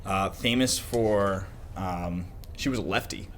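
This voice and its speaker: A man's voice: low-pitched, slow, a bit bright, slight background noise. A man co-hosting a music podcast, explaining playing technique in an enthusiastic, casual way. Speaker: guitar teacher co-host. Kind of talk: casual chat.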